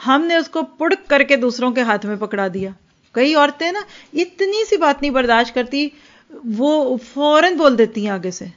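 A woman's voice: sits high, expressive. Woman giving a religious talk, lo-fi. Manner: earnest, acts out mothers and children in quoted asides. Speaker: religious teacher. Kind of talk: religious lecture. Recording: dull lo-fi recording.

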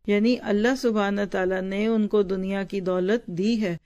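A woman's voice: mid-range voice, fairly even intonation, moderate pace, a little mellow, lo-fi sound. A woman teaching from a religious book, explaining hard words and answering her own questions. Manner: explains difficult words, asks and answers herself.

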